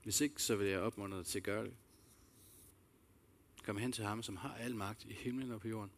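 A man's voice: on the low side, fairly even intonation. A man preaching a sermon, earnest and reflective, repeating key phrases and addressing listeners directly with questions. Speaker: pastor.

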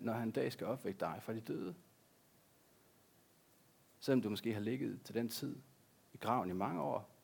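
Man, pastor, sermon, low gravelly voice, husky, earnest and emphatic. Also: darkish tone. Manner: earnest, repeats key words for emphasis.

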